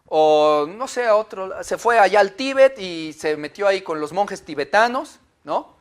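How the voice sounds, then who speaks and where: A Mexican-accented pastor with a notably high voice for a man preaches in a loose, conversational way. He keeps checking in with his listeners through quick tag questions. His tone stays informal and animated. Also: clean tone. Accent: Mexican Spanish. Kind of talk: conversational sermon.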